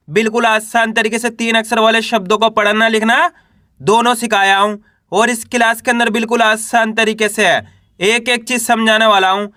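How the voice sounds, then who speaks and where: A man with a high, bright voice runs a patient reading lesson. He spells out each letter, then blends them into a word and asks the learners to repeat it. The recording is dry and close, with no room sound. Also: dry recording. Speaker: Hindi reading teacher.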